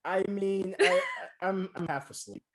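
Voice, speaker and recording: A man's voice: high voice, normal speed. A man from New Jersey co-hosting a podcast, chatting casually and agreeably, with short replies. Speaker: podcast co-host. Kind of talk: casual chat.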